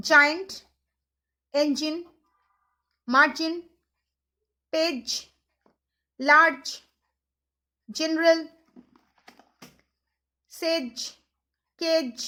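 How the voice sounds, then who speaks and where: A woman's voice: high-pitched, bright, forceful tone. A woman hosting a children's phonics lesson, talking in a sing-song teacher tone that keeps checking whether her young learners follow, with English words mixed into her speech. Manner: mixes Bengali with English words. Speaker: channel host and teacher.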